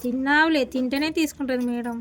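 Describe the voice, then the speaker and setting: A woman's voice: high-pitched, steady tone, fast, slight background noise. A woman, a mother, talking casually with her young daughter at home, coaxing and scolding. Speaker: mother and vlogger.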